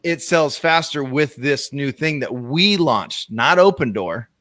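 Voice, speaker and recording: A man co-hosting a casual real estate livestream, blunt and playfully sensational, quick to interrupt. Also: medium pitch, a bit bright, dry recording, studio quality. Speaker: co-host of a real estate show.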